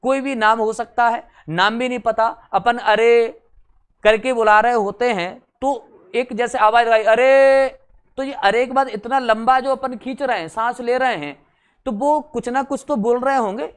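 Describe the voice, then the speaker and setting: Brief: young male teacher, smooth resonant tone, teasing classroom chat, quizzes the class. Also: very high-pitched, normal speed, a bit bright. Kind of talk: exam-prep lecture.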